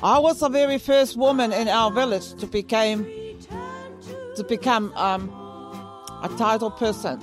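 A woman in her eighties from Samoa, telling stories of her life in a relaxed interview and often repeating herself. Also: fairly high pitch, moderate pace, music in the background. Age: 80s. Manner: warm storytelling, repeats herself. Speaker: interview guest. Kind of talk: casual interview.

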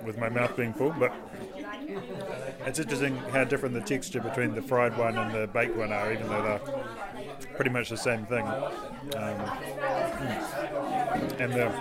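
A man thoughtfully describing food, with hesitant pauses. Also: mid-range voice. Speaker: workshop participant. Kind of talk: casual chat.

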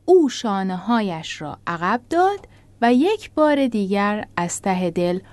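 Expressive woman storybook narrator. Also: medium pitch, dry recording.

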